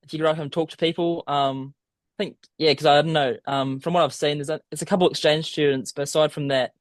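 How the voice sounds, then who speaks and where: A man's voice: a little high, fairly even intonation, fast, no room sound. A young man with a broad southern New Zealand accent, chatting informally and a little hesitantly as an interview guest. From small town in southern New Zealand. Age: young adult. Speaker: podcast guest, student abroad. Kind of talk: casual interview.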